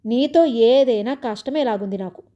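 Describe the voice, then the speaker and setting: Sulky sarcastic young husband, as a lady storyteller reads him, soft mellow tone, kinda high. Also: normal speed, muffled recording, natural voice. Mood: grumbling. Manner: complaining, sarcastic. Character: grumbling injured young husband, sulky and suspicious.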